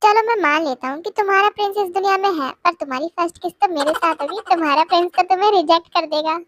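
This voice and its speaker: A high voice doing a bossy, arrogant young boss man. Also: quick pace, fairly bright tone, slight background noise. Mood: scolding. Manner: bossy, scolding.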